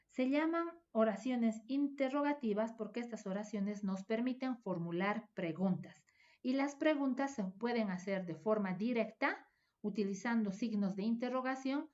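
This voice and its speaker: A woman teaches a grammar lesson at a mid-range pitch and walks through each point in a measured, step-by-step classroom manner. The recording sounds dull and slightly lo-fi, with the top end softened.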